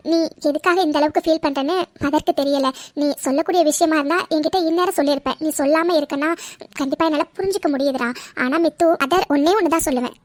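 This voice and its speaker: High-voiced caring orphanage mother. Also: no echo. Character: caring middle-aged woman, orphanage mother. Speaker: narrator voicing all figures.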